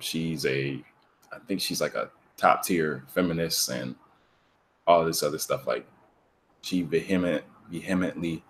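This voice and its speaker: A man's voice: a bass voice, a bit bright, a little hiss or hum. A man hosting a casual discussion podcast, telling a story in a laid-back way and laughing as he goes. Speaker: podcast host.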